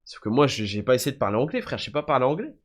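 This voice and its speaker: A young French livestreamer, often sick, tells stories to his viewers in casual slang, calling them "les gars" and "frère." His voice is medium-pitched and sing-song, and he talks at a racing pace.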